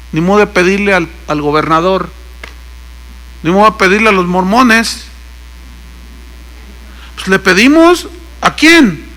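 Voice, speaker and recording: A man's voice: sits high, creaky, sharp tone. A man with a Mexican accent preaching a sermon, telling stories and acting out the dialogue, with joking asides. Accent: Mexican Spanish. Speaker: pastor. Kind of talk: sermon with anecdotes.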